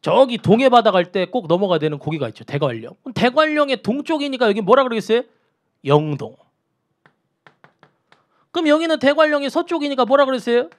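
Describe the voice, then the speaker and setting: Man lecturing with lively high pitch. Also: quick pace, few pauses. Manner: asks students questions and answers them himself; repeats key terms for emphasis. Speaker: Korean history lecturer. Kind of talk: exam-prep lecture.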